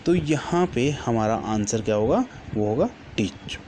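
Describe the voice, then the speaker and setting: A man's voice: medium pitch, lively intonation, a little slow, dark tone, a little hiss or hum. A male teacher giving a classroom lesson, patiently repeating each word list and correcting himself as he goes. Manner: corrects himself mid-sentence.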